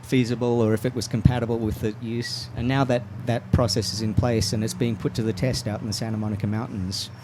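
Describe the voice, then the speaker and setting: A man of middle pitch talks on a radio show, setting out his points in a steady, explanatory way. He often restarts his sentences. A faint hiss sits under the studio audio. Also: brisk, few pauses. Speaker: mountain bike advocacy guest. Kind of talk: radio talk show interview.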